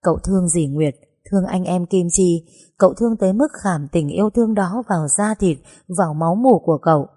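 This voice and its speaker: A woman reading a first-person story aloud in a sorrowful, measured way. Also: lowish voice, mellow, breathy edge. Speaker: narrator.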